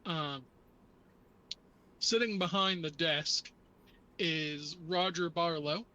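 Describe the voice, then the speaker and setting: A man narrating a tabletop role-playing game as game master, with halting, measured description. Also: a little high, bright, forceful tone, poor audio.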